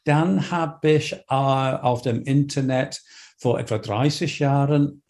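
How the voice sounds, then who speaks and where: Answering interview questions in a storytelling manner, this Englishman speaks slowly in a medium-pitched, darkish voice with an English accent. A native English speaker, he is hesitant and full of fillers while hunting for the right words.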